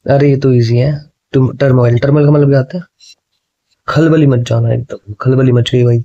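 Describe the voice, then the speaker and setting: A man's voice: medium pitch, steady tone, dark tone. A man teaching exam questions, speaking Hindi, chatty and often checking in with his students. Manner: chatty, repeats "ठीक है", reads options slowly. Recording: dull lo-fi sound.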